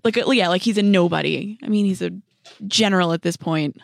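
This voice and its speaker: A woman co-hosting a movie podcast in a chatty, hedging way, full of little fillers. Her voice carries a gravelly fry. The recording is dry and close. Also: on the low side, brisk, no room sound. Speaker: podcast co-host. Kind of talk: casual podcast chat about movies.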